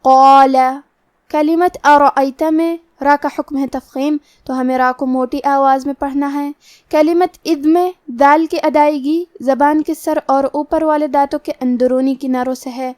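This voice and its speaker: A woman with a high voice teaches Quran recitation, explaining each rule methodically, word by word. The sound is dry and close, with no room echo. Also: a little mellow. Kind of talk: tajweed lesson.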